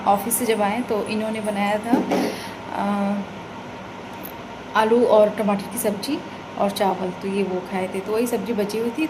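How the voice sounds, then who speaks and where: A woman's voice: mid-range voice, background noise. Chatty young woman vlogging at home. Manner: chatty, explains her morning routine step by step. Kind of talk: casual home vlog narration. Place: at home, kitchen and house.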